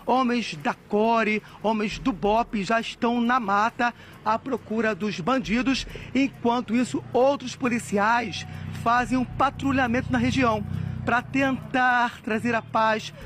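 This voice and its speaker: A man field reporter giving a brisk live news report outdoors in a city neighborhood. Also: very high-pitched, fairly even intonation, a bit bright, slight background noise. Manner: brisk, hands over to a colleague on air.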